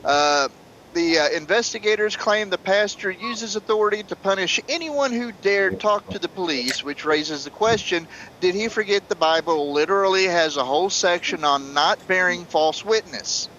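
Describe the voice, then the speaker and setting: A man with a high, bright voice delivers wry, deadpan punchlines about the news, with plenty of fillers. The audio is dull and lo-fi, with a faint engine rumble underneath. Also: moderate pace. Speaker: co-host. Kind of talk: comedic news commentary.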